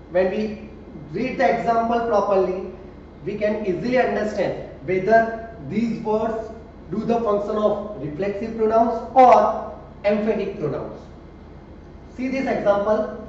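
A man's voice: high-pitched, a little mellow. A man teaching a school grammar lesson, repeating example sentences and asking the class questions. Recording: echoey room, distant mic, dull with faint noise.

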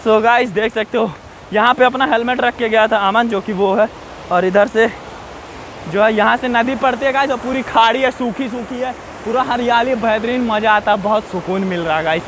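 Walking a rocky hillside, a male travel vlogger with a strikingly high voice and steady tone talks loosely and directly to his viewers. He repeatedly warns them about danger while a waterfall rushes faintly behind him.

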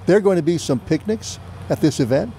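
A man hosting a TV news interview, asking brisk, prompting questions. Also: on the high side, expressive, mellow, a little hiss or hum. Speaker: TV news host.

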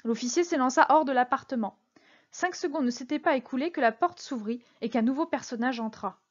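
Female narrator with a high-pitched voice, calm book reading, muffled lo-fi recording. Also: fairly quick. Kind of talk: reading a novel aloud.

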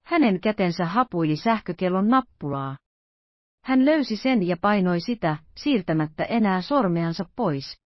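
A woman narrating an audiobook in a calm, even storytelling manner. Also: on the low side, no echo, highs cut off. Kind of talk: scripted narration.

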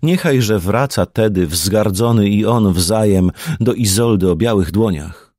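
A man reading the part of a proud, wounded young queen in an audiobook, raising his voice higher and slowing with pain. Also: darkish tone, dry recording, studio quality. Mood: grieving. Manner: raised pitch, slow pained delivery.

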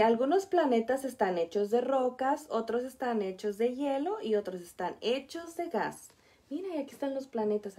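A woman preschool teacher reading a picture book aloud to small children. She explains gently and often stops to point out the pictures. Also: a little high.

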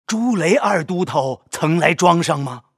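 An actor playing an earnest younger man, a dutiful son, husky and quick to grief and anger. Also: fairly high pitch, expressive, fairly bright tone, no room sound, studio quality, full character voice. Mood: emotional. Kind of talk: audio drama acting.

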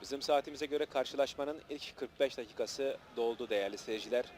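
A man's voice: medium pitch, a little fast, darkish tone. A man giving live television football commentary in short, clipped play-by-play phrases. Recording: noisy old match broadcast, outdoor stadium.

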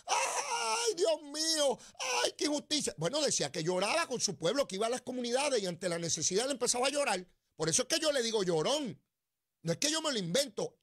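A man's voice: very high voice, fairly bright tone. A man with a Puerto Rican accent hosting a political commentary show, delivering a sarcastic, mocking monologue. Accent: Puerto Rican Spanish. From Puerto Rico. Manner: sarcastic, mocking, mimics crying whiny voices.

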